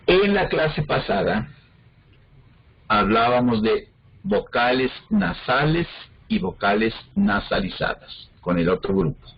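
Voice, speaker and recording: Husky-voiced man teaching phonology. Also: mid-range voice, lo-fi sound. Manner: explains step by step, checks understanding with frequent questions. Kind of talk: online class lecture.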